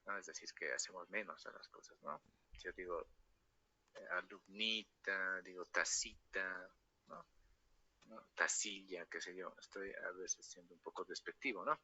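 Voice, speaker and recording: Lecturing at a moderate pace, a low-pitched man from La Paz sounds pushed, bright and slightly rough, though the audio is dull. His Bolivian Spanish is peppered with tag questions to students after nearly every phrase, plus storytelling asides.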